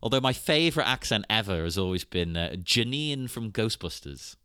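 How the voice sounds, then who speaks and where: Lively, low-voiced chatty man. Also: moderate pace, smooth, no room sound, clean studio sound. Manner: animated and laughing often. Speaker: podcast panelist. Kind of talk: casual chat.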